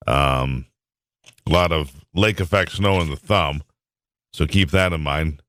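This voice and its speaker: Low-voiced wry male talk radio host. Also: fairly bright tone, no room sound. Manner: wry, conversational, dry asides.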